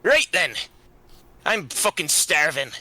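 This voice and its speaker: A man's voice: on the high side, sing-song, slow pace, sharp tone, dry recording, pitched above the performer's own voice, full character voice, rough recording. Man doing a brash, cursing woman warrior. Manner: swaggering, cursing, blunt. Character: brash coarse woman adventurer, tough and salty.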